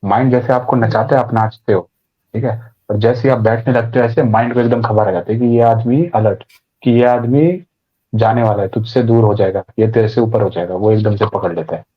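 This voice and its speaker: A man's voice: on the low side, fairly even intonation, fairly quick, breathy edge, dull audio. A man, a podcast guest, explaining meditation in a conversational way, acting out inner voices and using everyday examples.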